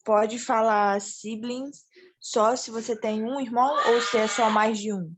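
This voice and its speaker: Unsure woman student, slow speech. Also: fairly high pitch, steady tone, background noise. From Brazil. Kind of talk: answering in class. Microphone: video call.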